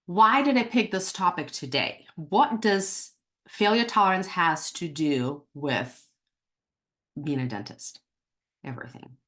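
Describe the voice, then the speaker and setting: A woman in her thirties with a non-native accent, sick and a bit hoarse, hosting a live webinar in a chatty, self-joking way. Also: lowish voice, expressive, a little slow, fairly bright tone. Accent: non-native English. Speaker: webinar host and life coach.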